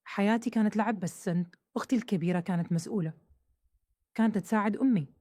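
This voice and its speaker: Fast-talking woman telling a story. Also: medium pitch, warm tone, no echo, clean studio sound. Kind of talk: first-person audio story narration.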